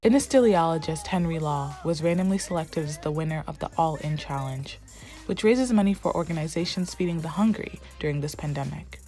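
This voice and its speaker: A woman reporter reading a scripted news voice-over in a steady, even way. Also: sits low, brisk, music in the background.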